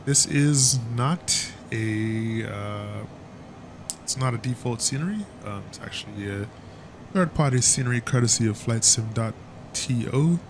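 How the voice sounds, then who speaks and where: A man's voice: mid-range voice, a little slow, noisy background. A man giving casual, chatty commentary over a flight simulator session, stumbling now and then with fillers. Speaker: flight sim YouTuber.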